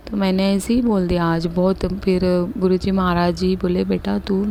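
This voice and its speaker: A woman's voice: on the low side, fairly even intonation, normal speed, gravelly, dark tone, slight background noise. A middle-aged woman telling a personal devotional story in a casual, hesitant way, with many fillers and restarts. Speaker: devotee sharing a testimony. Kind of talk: casual spoken testimony.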